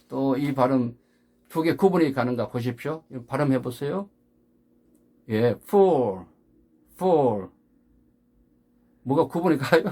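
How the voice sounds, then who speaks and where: A husky older man leads a casual English lesson. He repeats each sound slowly and patiently and reassures his viewers. His pitch sits in the middle range. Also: a little mellow. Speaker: English teacher.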